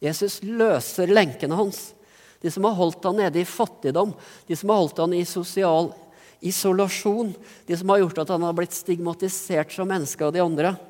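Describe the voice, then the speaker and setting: A pastor from Norway delivers an earnest, reflective sermon, pressing harder at key phrases. This man's voice sits a little high. A long church reverb trails after his words. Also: darkish tone. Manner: earnest, reflective, with rising emphasis in places.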